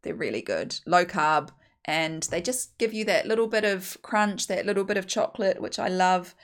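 A woman with a slightly low voice and a broad Kiwi accent hosts a casual solo podcast. She talks bluntly and with emphasis, making her opinions plain as she chats to listeners. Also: animated, moderate pace. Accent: broad New Zealand. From New Zealand. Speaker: podcast host.

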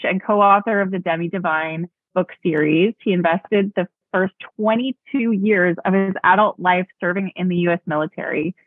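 Speaking at a medium pitch with no echo, she hosts a casual podcast interview, laughing often and gushing with enthusiasm. She is a podcast host who also publishes books, and the audio comes through thin and phone-like.

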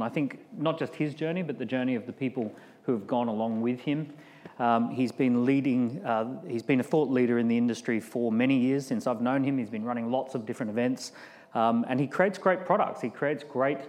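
A middle-aged Australian man gives a keynote to a live audience in a big room, speaking conversationally with fillers and restarts. His voice is mid-range and darkish, and long hall reverb fills the recording.

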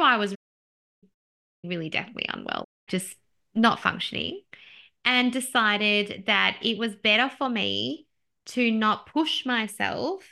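A woman's voice: medium pitch, gravelly, bright, forceful tone. A woman in her thirties, a podcast host sitting as the guest, talking candidly and laughing often at herself in a conversational interview.

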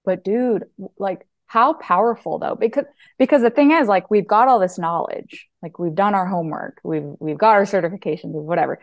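A woman's voice: mid-range voice, brisk, no echo, studio quality. A woman health and nutrition coach, a guest chatting casually and easily in an interview, with plenty of fillers. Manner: relaxed, chatty, filler-heavy.

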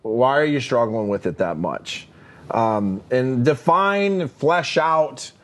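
A man's voice: mid-range voice, takes it slowly. Man, leadership podcast co-host, emphatic, filler-heavy, casual chat. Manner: energetic, emphatic, lots of fillers and "right?" tags.

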